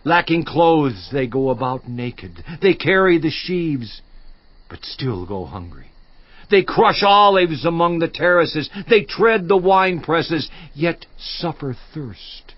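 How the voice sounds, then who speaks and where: An actor playing Job, a suffering man voicing a bitter complaint in a dramatized scripture reading, slow and grave, sinking at times to a hushed near-whisper. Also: on the high side, lively intonation. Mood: anguished. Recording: slightly dull dry studio recording.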